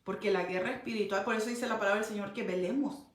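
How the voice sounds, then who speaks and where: A woman's voice: medium pitch, steady tone, rapid-fire, roomy sound. A woman pastor giving an earnest sermon, recounting a dream as testimony. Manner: earnest storytelling preacher.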